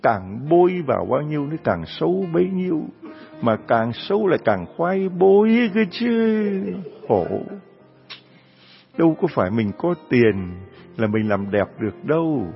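A male storyteller narrates a folk tale at an unhurried pace, his somewhat high voice rising and falling expressively. He drops in chuckling asides, and the dull lo-fi recording carries faint music behind him. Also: very animated, gravelly.

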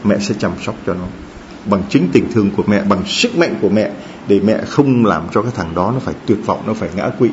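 Preaching a sermon at a slightly quick pace, a male priest lets his pitch swoop widely, climbing high for emphasis and sinking low and soft. He animates his talk with rhetorical questions and acted-out quotes, and the somewhat dull recording carries a faint hiss.

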